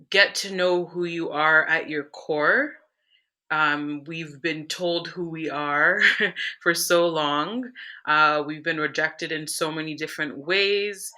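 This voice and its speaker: A woman's voice: fairly low pitch, pushed and bright, clear, resonant tone. A young woman from Canada, a podcast guest telling her story in an earnest, reflective way. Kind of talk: candid conversational interview.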